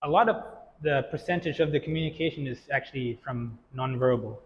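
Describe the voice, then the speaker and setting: A man co-hosting a casual podcast chat about coaching, agreeable and quick to affirm. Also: mid-range voice, a little hiss or hum. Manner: agreeable, frequent affirming backchannels. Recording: lo-fi audio in reverberant room.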